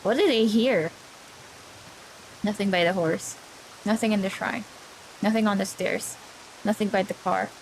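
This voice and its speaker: A woman streamer reads a game's story aloud into a desk microphone. Her voice sits at an ordinary middle pitch. She narrates with storytelling drama and acts out the characters' lines. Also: a little slow, creaky, pauses often, a little hiss or hum, poor audio. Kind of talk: reading a visual novel aloud on a live stream.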